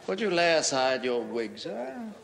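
A cunning period-drama barrister who needles a witness with elaborate courtesy. His questions swing from soft politeness to loud, lively demands. A courtroom crowd murmurs behind him. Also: fairly high pitch, a little slow, creaky, heavily acted. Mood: probing. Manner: probing, mock-polite, rising to loud demands. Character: shrewd theatrical male defense barrister. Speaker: defense barrister. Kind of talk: period film acting.

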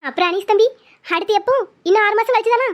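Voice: very high voice, quick pace. A performer voicing an elderly, doting grandmother in a cartoon. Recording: dull lo-fi sound.

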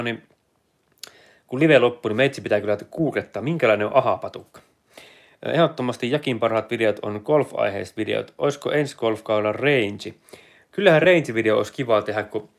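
A man hosting a casual livestream, reading viewer comments aloud and answering them in a relaxed, chatty way. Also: medium pitch. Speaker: livestream host answering chat. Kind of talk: casual live chat.

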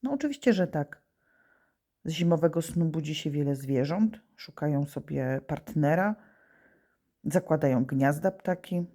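A woman's voice: deep voice, measured pace, mellow. A female teacher giving a lesson to young pupils, patiently asking questions and answering them herself. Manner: patient, asks and answers her own questions. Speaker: primary school teacher. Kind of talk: remote lesson for children.

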